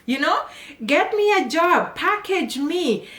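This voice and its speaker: A woman's voice: very high-pitched, lively intonation, slow, a bit bright, reverberant, voice pushed up, heavily acted. A woman voicing a lazy, demanding visa applicant who wants everything done for them, in a whiny, entitled tone.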